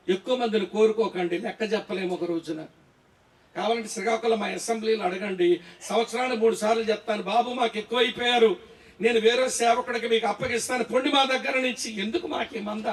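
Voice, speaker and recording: A man preaches at a conference, his voice very high for a man. He keeps asking the audience questions and checking they understand. The sound is echoey and he stands far from the mic. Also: a bit bright. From Andhra Pradesh, India. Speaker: Bible teacher preaching. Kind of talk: sermon at a pastors' conference. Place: large echoey hall. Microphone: distant from the mic.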